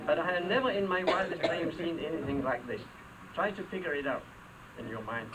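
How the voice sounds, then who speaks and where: A man's voice: fairly high pitch, brisk, a loud crowd. Older Danish man, dry comic speech. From Denmark. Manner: dry, wry storytelling with comic asides. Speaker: after-dinner speaker. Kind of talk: humorous luncheon speech. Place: hall with a live audience. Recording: distant mic, clear background noise.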